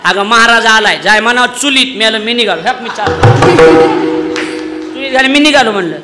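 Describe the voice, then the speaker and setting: A man preaching a comic devotional sermon on stage, loudly acting out the voices of villagers in his stories. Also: sits high, fairly quick, loud music behind the voice. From Maharashtra, India. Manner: loud, animated storytelling, acting out villagers' voices. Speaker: kirtan preacher.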